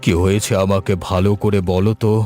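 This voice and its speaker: An actor playing a sensible, caring village gentleman with earnest delivery in a melodramatic audio story. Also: fairly low pitch, flat delivery, a little fast, soft background music, lightly acted. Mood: sombre, concerned.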